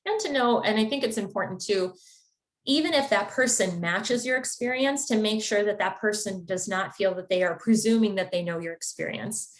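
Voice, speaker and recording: A therapist from the Chicago area in the United States presents a wellness webinar, speaking at medium pitch and normal speed. She is conversational and explanatory, with occasional fillers, as she gives an informative talk.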